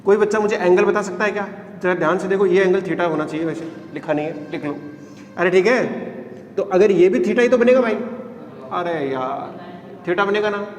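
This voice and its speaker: A man's voice: sits high, moderate pace, a little hiss or hum. Man, physics teacher, coaxing questions, roomy classroom echo. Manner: coaxing, checks understanding with repeated questions. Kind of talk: classroom lecture. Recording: echoey classroom, long reverb.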